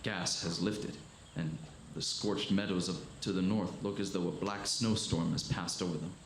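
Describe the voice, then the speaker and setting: A man voices the professor who alone survived, narrating his story in a 1930s radio drama monologue staged live for an audience in a hall. Low-pitched with fairly even intonation, he's grave, deliberate, and literary, his mood grim and weary. Echo rings across the live stage over faint noise.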